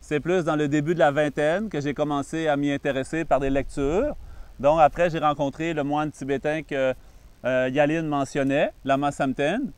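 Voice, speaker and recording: Speaking with a Québécois French accent, this Canadian man is a Buddhist monk offering a calm, patient introduction to meditation full of pauses. His voice is a little high and smooth.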